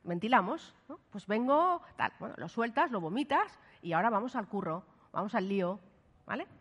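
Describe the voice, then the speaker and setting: A woman giving a lively workshop talk to an audience. She asks the listeners questions and checks in with them often. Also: medium pitch, normal speed, slightly rough. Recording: long hall reverb.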